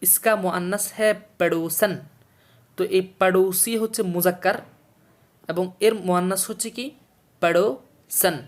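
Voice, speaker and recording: A male language teacher from Bangladesh talks through a textbook lesson at a steady, patient pace. He says each new word, gives its meaning, repeats both, and keeps asking his viewers questions to check they follow. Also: high-pitched. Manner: explains slowly, repeats words and meanings, quizzes the listener. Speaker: Urdu teacher. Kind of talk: textbook lesson for a video series.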